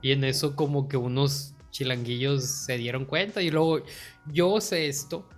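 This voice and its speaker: A man's voice: mid-range voice, normal speed, soft background music. A man telling a story in a casual, slangy way and laughing easily as a podcast guest.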